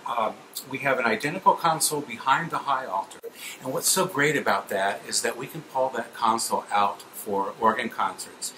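A man's voice: lowish voice, noisy background. Middle-aged man in an echoey cathedral. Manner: measured, explanatory, appreciative. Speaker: cathedral organist and music director. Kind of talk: guided presentation to donors. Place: large cathedral organ gallery, indoors. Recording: echoey cathedral with organ music behind.

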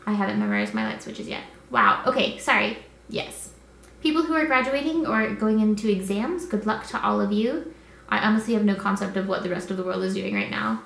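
Sleepy 20s girl rambling to her vlog camera, lots of vocal fry, echoey little room. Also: mid-range voice. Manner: sleepy, worn out; rambling, easily distracted. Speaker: vlogger. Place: small indoor apartment room. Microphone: camera at arm's length. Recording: echoey small room with faint noise.

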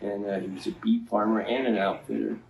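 A man's voice: lowish voice, vocal fry, a little mellow, echoey room. Older American man, distant noisy recording. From Colorado, United States. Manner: nervous, halting, emotional, indignant. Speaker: public speaker at a meeting. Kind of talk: impassioned public comment. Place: indoor public meeting hall, replayed on a television. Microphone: podium mic, re-recorded from TV speakers.

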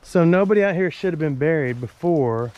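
A man's voice: a little high, animated, a little fast, darkish tone, lo-fi sound. A man giving casual, joking commentary while walking around an old rural churchyard cemetery. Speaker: explorer vlogger. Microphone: camera mic while walking.

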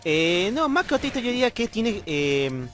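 An Argentine man hosting a casual chat while playing a fighting game, bursting into loud excited yelps. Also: sits high, moderate pace. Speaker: channel host, gamer. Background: game music.

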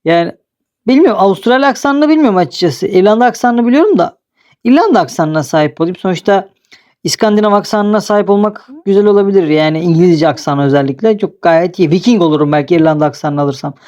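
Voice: mid-range voice, lively intonation, fast, darkish tone. A young adult host casually commenting on a game he is playing, teasing and laughing often. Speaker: gaming video host.

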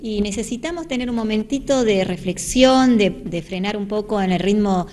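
An expressive, darkish mid-range voice at normal speed belongs to a church volunteer in her forties being interviewed by local TV in a church hall. Speaking into a handheld reporter mic, she earnestly invites people in and lapses into preaching, over slight background noise.

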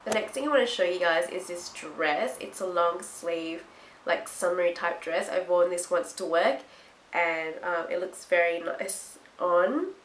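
Young female haul vlogger, stuffy nasal voice from being sick, lowish pitch, roomy sound. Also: a little slow, faint music behind. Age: young adult. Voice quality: nasal, congested. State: sick with blocked nose and itchy throat. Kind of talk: casual chat to camera. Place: small hard-walled room indoors. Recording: roomy echo, faint background noise.

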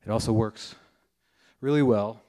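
A man fronting a small jazz band talks casually into the mic on stage, out of breath after playing. His voice sits low and mellow. He jokes, laughs easily and stumbles through fillers. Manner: loose, joking, laughs a lot, halting with fillers. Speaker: bandleader and keyboardist. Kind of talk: casual on-stage banter between songs. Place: live music venue on stage.

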